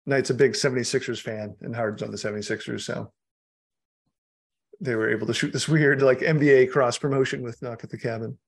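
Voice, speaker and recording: A man's voice: medium pitch, fairly even intonation, brisk, creaky, slightly rough. A man, an author guest, chatting casually through a film commentary, laughing often and restarting his sentences.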